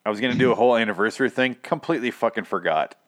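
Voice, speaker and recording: A man with a deep, bassy voice co-hosting a casual podcast in a breezy, jokey, conversational way. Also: rapid-fire. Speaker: podcast co-host.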